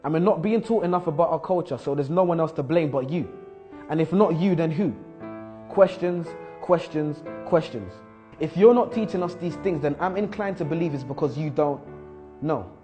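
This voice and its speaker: Young guy playing a frustrated brit schoolboy doing spoken word, kinda high voice, music under it. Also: normal speed, warm tone, natural voice. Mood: frustrated, questioning. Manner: rhyming, rhetorical, insistent. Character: bold, frustrated male school student challenging his teacher. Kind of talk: spoken-word poetry monologue.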